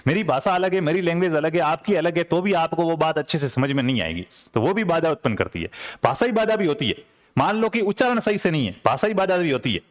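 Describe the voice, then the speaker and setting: A man, teaching an exam-prep lecture conversationally and repeating key terms with rhetorical check-ins. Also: on the high side. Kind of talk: classroom lecture.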